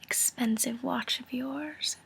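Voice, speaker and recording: A woman playing a cool, calculating female mobster in a whispered role-play, breathy, teasing and condescending, delivering a friendly threat. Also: sits high, fairly even intonation, slow, fairly bright tone, heavily acted. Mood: amused, flattering.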